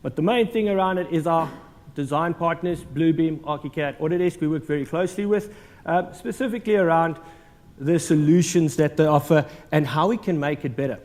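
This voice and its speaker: Speaking at a conference in a big hall, this South African man keeps things jokey and conversational, peppering his talk with ums and uhs. His pitch is fairly high, his delivery brisk, and his darkish tone trails off in long reverb.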